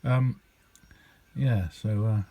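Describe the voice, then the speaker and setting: A middle-aged or older British man rambles through an unscripted hobby demonstration, hesitant and easygoing. His voice is lowish, mellow and fairly even in intonation, and he speaks extremely slowly. The home recording is amateur and clearly noisy.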